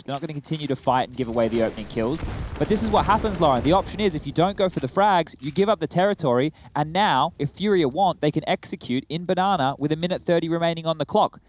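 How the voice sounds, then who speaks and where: Male analyst, rapid-fire tactical breakdowns, faint noise floor. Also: a little high, a little mellow. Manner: explains tactics in long runs, often adding "right?". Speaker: esports analyst. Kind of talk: analytical commentary.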